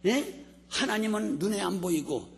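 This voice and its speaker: Male senior pastor, husky and lively sermon delivery, reverberant sanctuary. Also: high voice, moderate pace. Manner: animated preaching, asking the congregation to respond. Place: church sanctuary. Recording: long hall reverb.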